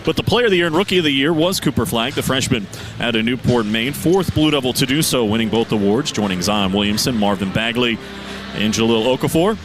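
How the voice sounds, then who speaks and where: With music playing behind him, this medium-pitched man speaks briskly and with plenty of animation. As play-by-play voice on pregame sports radio, he reads basketball lineups and stats from his arena position.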